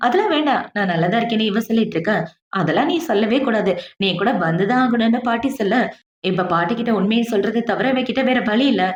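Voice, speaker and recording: A woman narrating a drama recap in a brisk, chatty way, acting out the quoted lines as she goes. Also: medium pitch, reverberant, highs cut off. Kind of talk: casual storytelling recap of a drama.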